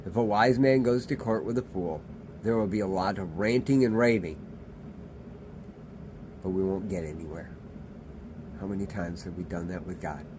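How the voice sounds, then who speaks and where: Male pastor, lowish voice, conversational and earnest devotional delivery, faint hiss behind. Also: normal speed, long pauses. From Michigan. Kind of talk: daily devotional sermon.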